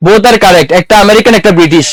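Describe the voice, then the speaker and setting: High-voiced man teaching a class. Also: fast. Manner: conversational, quizzes the class, mixes in English words. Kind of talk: classroom lecture.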